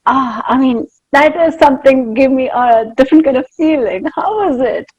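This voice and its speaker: A woman's voice: high-pitched, lively intonation, moderate pace, a little mellow, breathy edge, dull audio. A woman interviewing conversationally as a journalist, effusive and given to repeating herself.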